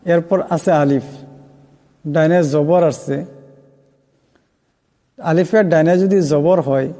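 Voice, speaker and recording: A man teaching Quran reading, patiently spelling out letters and vowel marks one by one in a slow recited lesson. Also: on the high side, warm tone. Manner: patient, repetitive letter-by-letter drilling. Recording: long hall reverb, faint music behind.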